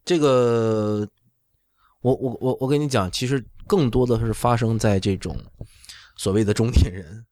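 A man's voice: mid-range voice, measured pace, mellow, no echo. Middle aged guy, doctor explaining stuff casually, keeps checking you follow, dry sound. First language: not Chinese. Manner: explanatory, often checking with "right?". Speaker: orthopedic doctor explaining on a talk show.

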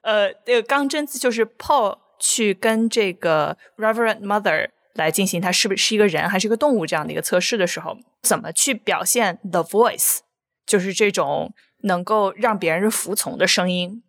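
Animated woman retelling film scenes. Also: medium pitch, moderate pace. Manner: animated storytelling, acts out scenes with sound words. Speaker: podcast co-host. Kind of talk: casual film discussion.

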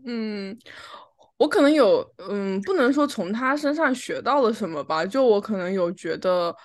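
A woman's voice: medium pitch, animated, normal speed. A woman chatting casually at home as a podcast co-host, telling a personal story and acting out the lines of an argument. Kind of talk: casual chat.

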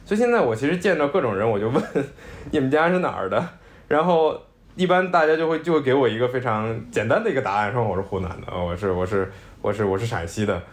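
A man's voice: medium pitch, lively intonation, quick pace. A man co-hosting a podcast, reflectively telling a family story in casual conversation. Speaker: podcast co-host. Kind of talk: casual chat.

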